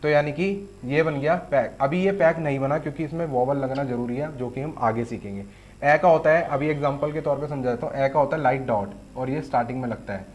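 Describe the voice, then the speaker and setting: A man's voice: medium pitch, a little fast, a little mellow, dull audio, a little hiss or hum. A man teaching shorthand in an online lesson, patiently explaining each stroke step by step. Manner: patient, explains step by step with frequent "theek hai". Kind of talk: online lesson with board demo.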